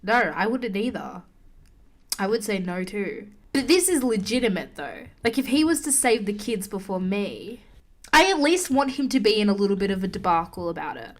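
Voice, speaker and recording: A woman in her early twenties co-hosts a podcast, speaking at normal speed in a very animated, medium-pitched voice. She chats casually, laughs often and speaks with emphasis.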